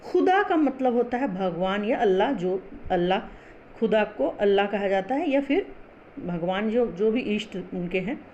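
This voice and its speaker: A woman teaching a Hindi class, explaining pronunciation slowly and patiently, spelling out sounds syllable by syllable. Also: medium pitch, expressive, a little mellow, muffled recording, slight background noise.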